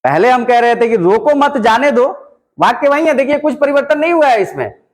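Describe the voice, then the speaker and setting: A man's voice: very high voice, big pitch swings, brisk. A man teaching a classroom lesson, explaining step by step and repeating points for emphasis, with a Bihari Hindi accent. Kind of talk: classroom lecture. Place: classroom with a writing board.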